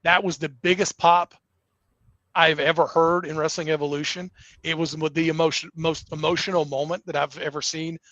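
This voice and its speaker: Middle-aged male wrestling promoter, earnest and rambling, slightly high voice, muffled dry recording. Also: little pitch movement, moderate pace, fairly bright tone, no room sound. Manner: earnest, rambling with many restarts. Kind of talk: casual interview talk.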